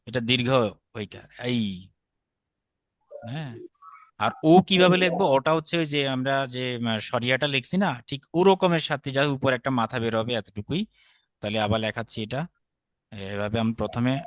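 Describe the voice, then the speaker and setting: His voice is medium in pitch with a fairly bright tone, captured in a dry recording. The man from Bangladesh teaches Sanskrit letters step by step, demonstrating and repeating each stroke with patience.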